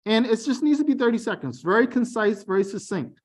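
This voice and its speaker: Fairly quick and high-voiced, with big swings in pitch, a middle-aged man from Baltimore, United States leads an online information session over video call. He speaks plainly and conversationally in a General American accent with a mild Baltimore touch, regularly checking in with "okay?" and "all right?".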